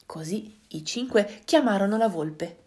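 Expressive woman reading a children's story. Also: mid-range voice, unhurried. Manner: expressive, sing-song, dramatic hushes.

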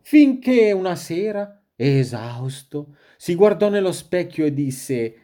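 A woman reading a children's story aloud in a slow, sing-song storytelling manner. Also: lowish voice, very animated, warm tone.

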